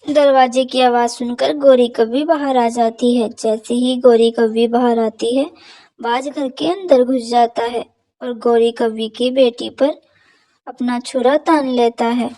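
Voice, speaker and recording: A woman's voice: fairly high pitch, fairly even intonation, unhurried, dark tone. A woman narrating a children's cartoon story in a dramatic, moralizing storyteller manner.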